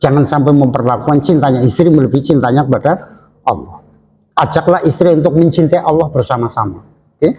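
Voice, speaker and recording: A man's voice: mid-range voice, brisk, a little mellow. Man preaching in an echoey hall. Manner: chatty, jokes and laughs with listeners. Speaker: Islamic preacher. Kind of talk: religious study lecture to a congregation.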